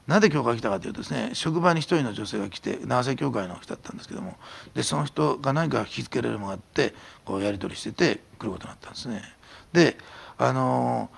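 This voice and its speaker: A man preaching a sermon as a pastor, telling stories in an animated way and sometimes dropping to a whisper. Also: mid-range voice, gravelly, breathy edge. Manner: animated storytelling, drops to a whisper at times.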